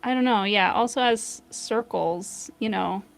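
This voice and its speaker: A woman's voice: medium pitch, unhurried, vocal fry. A woman chatting casually while playing a puzzle game with friends, musing and laughing often. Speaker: player.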